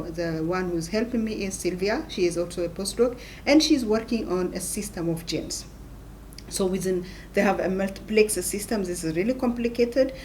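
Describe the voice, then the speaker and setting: A middle-aged Ethiopian-accented woman, a plant scientist and professor, gives an earnest talking-head interview in short, halting phrases. Her voice is mid-range with a darkish tone, and there is slight background noise.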